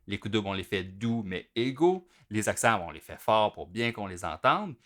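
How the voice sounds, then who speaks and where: A man with a Québécois French accent teaching drums, explaining each step in a relaxed way as he demonstrates at the kit. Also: fairly low pitch, moderate pace. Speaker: drum teacher. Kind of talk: explanatory music lesson. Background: loud drum kit playing between phrases.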